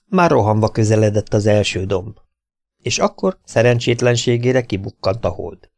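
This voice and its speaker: A male audiobook narrator reads an adventure novel in a steady, even way, with a low, gravelly voice. The recording is dry and close, with no room sound. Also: no room sound.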